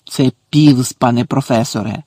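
A man voicing a breathless, shrill old male caretaker who is furious and spiteful, in an audiobook. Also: moderate pace, a little mellow, no room sound, clean studio sound, close to an everyday voice. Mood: fawning. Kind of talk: audiobook character voice.

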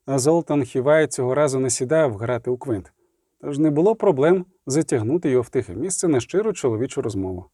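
Expressive male audiobook narrator. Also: mid-range voice, quick pace, dry recording, studio quality. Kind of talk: scripted fantasy narration.

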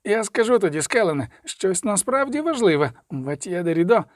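A man voicing a panicked captive male sorcerer spy who pleads in shrill, rushed bursts. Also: very animated, dry recording, studio quality. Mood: desperate.

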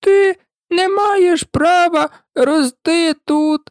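A woman voicing a grumpy little male dormouse who complains slowly in a storybook reading. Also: extremely high pitch, fairly even intonation, no echo, clean studio sound, pitched above the performer's own voice, exaggerated voice.

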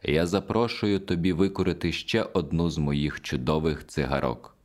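A man's voice: rumbling low, normal speed, darkish tone. A man reading the part of a mocking male composer spirit who lectures with scolding irony in an audiobook. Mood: ironic scolding.

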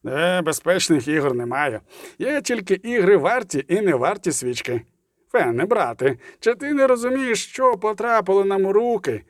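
A sardonic, greedy lawyer sneers and mocks in a storybook reading, put on by a male narrator. The voice sits somewhat high and is recorded dry and close. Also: animated, moderate pace, dry recording. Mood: scheming. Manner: sneering, sarcastic.

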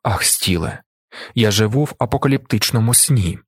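A man voicing a blinded young male emperor who speaks in a steady, measured, commanding way with a husky voice. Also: fairly low pitch, no room sound, studio quality.

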